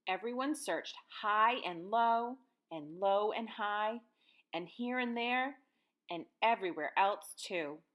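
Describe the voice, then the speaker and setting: Slow and expressive, this American woman in her thirties reads to young children from a picture book and guides them through a lesson in simple words. Her medium-pitched voice has a slightly bright quality.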